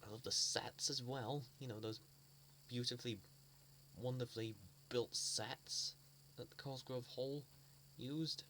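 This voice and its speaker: This fan recalls his memories in a casual, spoken way, his middle-pitched voice earnest, fond and sincere, with fairly even intonation and a measured pace. He keeps stopping, restarting and repeating words as he searches for them. The recording is rough, with a faint, quiet hiss behind him.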